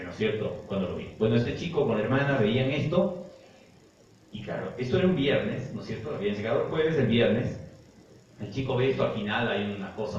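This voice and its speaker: A male psychotherapist recounts a clinical case, winding through the story with frequent little tag questions and repeated words. He is heard from some distance in a very echoey room, the sound dull and muffled with a faint hiss behind. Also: lowish voice.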